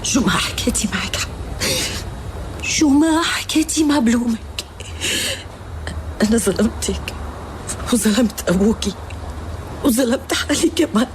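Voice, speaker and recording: A woman's voice: a little high, expressive, normal speed, pauses often, slight background noise, natural voice. An actress playing a divorced mother begging to see her daughter, in old radio drama style, with a breaking, whispery plea. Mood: pleading.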